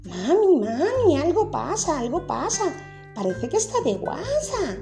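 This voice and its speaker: A woman voicing a sweet, pleading little girl in a read-aloud story, with a high childish whine. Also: wildly swooping pitch, a little slow, over music, exaggerated voice. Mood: curious.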